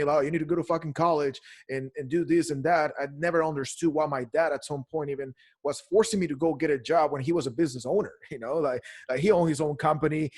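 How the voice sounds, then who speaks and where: A man from Guatemala hosting a podcast interview, casual and agreeable, with frequent swearing. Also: a little high. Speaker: podcast host. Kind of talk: conversational interview.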